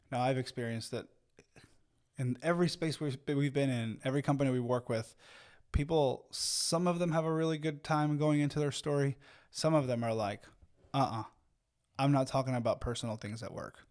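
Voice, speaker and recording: A man's voice: medium pitch, moderate pace, darkish tone, clean tone. A man in his thirties from Mexico, co-hosting a podcast and telling a long personal story with many fillers and restarts. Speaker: podcast co-host. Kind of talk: casual storytelling chat.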